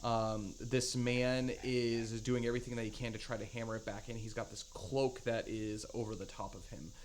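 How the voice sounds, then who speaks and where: A man narrating as game master of a tabletop game, halting with many fillers. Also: medium pitch, flat delivery, a little hiss or hum.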